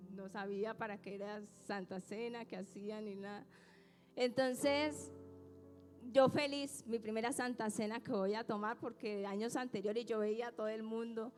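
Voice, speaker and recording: A woman shares a church testimony in a fairly high voice, telling it chattily with many restarts. Her delivery grows into fervent, emphatic preaching. Instrumental music plays clearly behind her. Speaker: church sister giving testimony. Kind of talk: personal testimony building into preaching.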